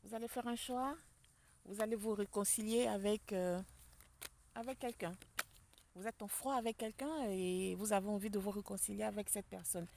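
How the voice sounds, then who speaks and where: Soft-spoken woman reading tarot cards. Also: mid-range voice, moderate pace, vocal fry, slight background noise. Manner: speaks softly and quietly. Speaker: tarot card reader. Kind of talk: spiritual tarot reading to camera. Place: public place outdoors with people nearby.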